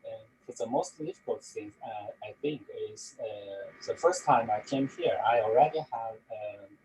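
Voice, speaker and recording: A young man from China, a native Chinese speaker, answering panel questions in halting English and searching for words. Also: lowish voice, darkish tone, slight background noise, low-quality recording. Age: young adult. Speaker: panelist, 3D effects artist. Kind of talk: casual panel talk.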